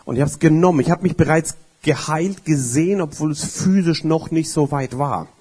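A middle-aged man preaching a sermon with emphasis, repeating key phrases and swinging between loud and quiet. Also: fairly high pitch, normal speed, breathy edge.

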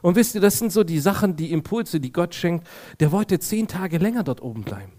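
A man's voice: high voice, brisk. A man preaching to a congregation, telling a personal story and acting out both sides of a conversation. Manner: lively, acts out both sides of dialogues.

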